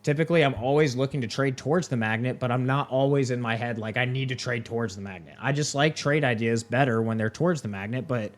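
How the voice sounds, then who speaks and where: A man's voice: mid-range voice, fast talker, hardly any pauses. A young man hosting a live trading session, walking through a platform in a casual way, with many fillers and tag questions. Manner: casual, filler-heavy, keeps asking "right?" and "okay?". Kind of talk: live screen-share walkthrough.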